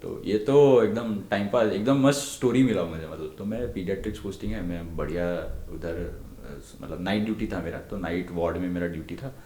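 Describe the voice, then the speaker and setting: A man's voice: low-pitched, fairly quick, hardly any pauses, mellow, a little hiss or hum. A young man in his twenties, a podcast guest telling stories in casual chat, acting out the voices in his dialogue and laughing often. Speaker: podcast guest, medical intern. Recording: echoey room.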